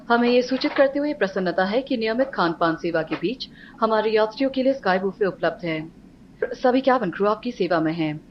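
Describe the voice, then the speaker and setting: Brisk Indian woman on a cabin loudspeaker. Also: mid-range voice. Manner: brisk, formal announcing. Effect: cabin public-address loudspeaker announcement. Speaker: cabin crew announcer. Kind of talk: scripted in-flight announcement. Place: aircraft cabin in a flight simulator. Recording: muffled distant PA with faint noise.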